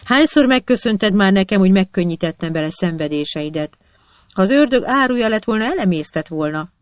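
An earnest young woman doctor, put on by a storyteller, pleads with her patients. Her voice sits in a middling range and sounds dry and close. She talks with steady, insistent devotion. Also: mid-range voice, dry recording, natural voice. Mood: pleading. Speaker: hospital doctor.

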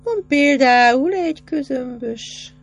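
A woman's voice: sits high, animated, faint music behind, pitched above the performer's own voice. A woman reading aloud plays a curious young male senator who probes and mocks as he questions a girl. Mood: sly. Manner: probing and mocking.

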